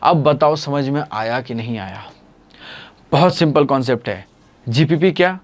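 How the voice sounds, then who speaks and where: A man's voice: mid-range voice, moderate pace. A man teaching a biology lesson online in a playful, storytelling way, calling his students "beta".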